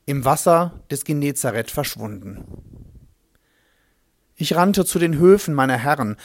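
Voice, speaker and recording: A man's voice: a little high, dry recording. A man playing a humble swineherd who tells his story in a reflective, vivid way. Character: humble male swineherd recalling a strange day. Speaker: first-person narrator. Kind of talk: dramatic storytelling monologue.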